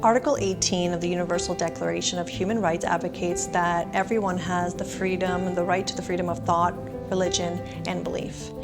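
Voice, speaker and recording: A woman's voice: on the low side, flat delivery, fairly quick, hardly any pauses. Earnest woman from Afghanistan over music. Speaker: business owner and nonprofit director. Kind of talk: documentary testimony over music.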